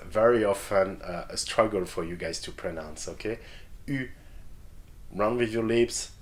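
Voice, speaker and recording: Slow-talking man teaching pronunciation, lowish voice. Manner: instructional, checking in often with listeners. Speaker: French language teacher. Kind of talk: pronunciation lesson for beginners.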